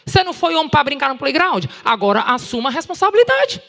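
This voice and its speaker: A Brazilian woman preaches with a high voice and a long hall reverb around her. She talks to the crowd directly, scolding with a humorous edge. Her delivery is animated and emphatic. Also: quick pace, vocal fry. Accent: Brazilian Portuguese. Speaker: conference preacher. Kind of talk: sermon. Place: large church hall.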